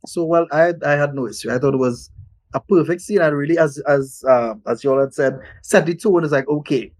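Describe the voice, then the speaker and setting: A guest speaks carefully, pausing on fillers as he gathers his thoughts. His voice sits slightly high and sounds dry and close. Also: a little mellow, no echo. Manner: measured, halting with fillers. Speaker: guest panelist. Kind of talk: casual film review chat.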